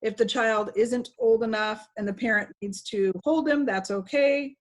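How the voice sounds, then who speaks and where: Sharing her screen on a video call, a woman trainer gives staff an informal walkthrough. She speaks with a fairly high pitch at a moderate pace, in a conversational, instructive manner.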